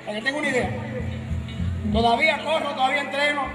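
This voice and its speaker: Middle-aged Puerto Rican male preacher, very high shouted voice, echoey church with music and crowd. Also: fast. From Puerto Rico. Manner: shouting, emphatic, joking with the congregation. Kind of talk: sermon.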